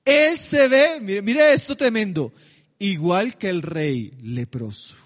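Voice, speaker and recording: Male preacher, very high voice, dull muffled recording, questions to the congregation, drawn-out emphasis on key lines. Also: animated, big-room sound. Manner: slows to a drawn-out, emphatic cadence on key phrases; addresses the congregation with rhetorical questions. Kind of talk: sermon.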